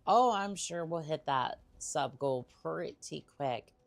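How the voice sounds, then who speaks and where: A woman's voice: low-pitched, lively intonation, takes it slowly, gravelly. A woman livestreaming a video game, chatting casually with playful teasing and hesitant musing aloud. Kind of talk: casual chat over gameplay with in-character asides.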